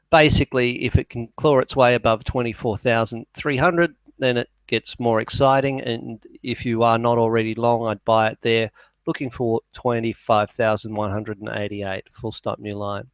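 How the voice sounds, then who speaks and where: A man with a clear, smooth voice of middling pitch dictates market analysis in a dry, close acoustic. He speaks the punctuation aloud as he goes, his voice falling away on those commands. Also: fairly even intonation, normal speed, dry recording, muffled recording. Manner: dictating, voice dropping on spoken punctuation.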